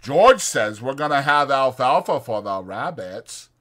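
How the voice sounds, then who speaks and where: A man acts out a big, childlike ranch man in a dramatized audiobook. He is stubborn and simple, with a forceful, grumbling voice raised above normal narration and plain rural wording. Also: mid-range voice, big pitch swings, a little slow, pitched above the performer's own voice. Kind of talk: dramatized audiobook character acting.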